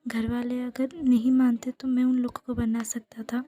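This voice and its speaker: A woman's voice: on the high side, little pitch movement, moderate pace, mellow, lightly acted. A woman whispering as a hurt, pleading young man. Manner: pleading, reproachful.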